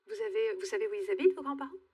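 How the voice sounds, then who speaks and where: Brief: woman talk show host, probing, thinks aloud, husky and fast. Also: medium pitch, expressive, dark tone, recorded from a distance. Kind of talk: empathetic interviewing. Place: TV studio.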